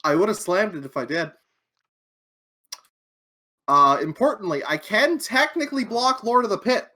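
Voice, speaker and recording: A woman's voice: mid-range voice, lively intonation, moderate pace, sharp tone. A woman playing a card game on stream, explaining moves step by step with dry sarcasm. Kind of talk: casual game-night chat.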